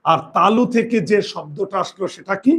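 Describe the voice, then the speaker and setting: A man's voice: high voice, moderate pace, fairly bright tone, husky. A man teaching a live class in a classroom, asking his students questions and answering them himself in a repetitive, drilling way. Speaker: Bengali grammar teacher.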